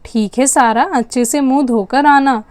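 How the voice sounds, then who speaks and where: A woman's voice: high-pitched, a little slow, dry recording. A woman telling a doll story and voicing its characters, here coaxing in a soothing older-sister tone. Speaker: storyteller voicing all dolls.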